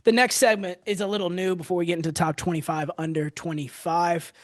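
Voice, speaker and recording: A man's voice: high voice, level tone, a little fast, no room sound. A young man co-hosting a casual sports podcast, running segments and firing off lists of player names. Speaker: podcast co-host.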